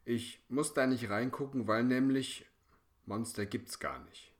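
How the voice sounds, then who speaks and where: A cranky older brother in a storybook, voiced by a man, snapping and bossing his little sister around. The delivery stays low-pitched and unhurried. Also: fairly bright tone. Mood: dismissive. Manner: irritated, bossy. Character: grumpy annoyed big brother, a boy.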